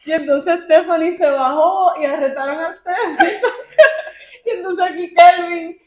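Young woman vlogger, high voice, excited storytelling, roomy echo. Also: measured pace. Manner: excited, laughing, tumbling restarts. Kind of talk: storytime chat. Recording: echoey room.

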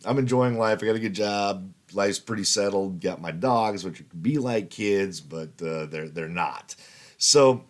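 A man's voice: sits low, unhurried. A man in his fifties telling rambling personal stories in a casual monologue, swearing and laughing as he goes. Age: 50s. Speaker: podcast host.

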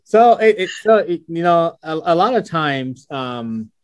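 A man from Ghana with a Ghanaian accent, hosting a podcast and talking in a lively way, often checking in with "right?". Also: on the high side, unhurried, smooth. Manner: animated, asks questions, frequent "right?". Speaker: podcast host. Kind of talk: casual conversation.

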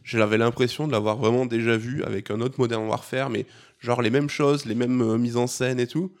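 A man co-hosting a casual gaming podcast, talking in a quick, relaxed, conversational way. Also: medium pitch. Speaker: podcast co-host.

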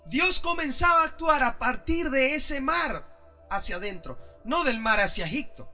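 A man preaches a sermon in church, with a high, very bright and piercing voice. He swings from loud, lively bursts to quiet, low asides as he acts out the people he quotes. Soft music plays faintly behind him. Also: unhurried. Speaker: pastor.

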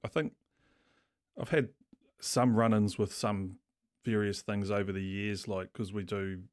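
A man's voice: fairly low pitch, steady tone, unhurried, no echo, clean studio sound. A man with a New Zealand accent chatting casually as a podcast guest, in a laid-back, blokey, sweary way. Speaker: craft brewer, podcast guest.

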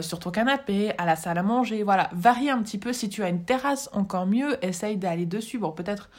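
A young woman chatting casually as she gives organization advice straight to her viewers, with plenty of fillers and restarts. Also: mid-range voice. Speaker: vlogger giving organization tips. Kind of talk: casual advice talk to camera.

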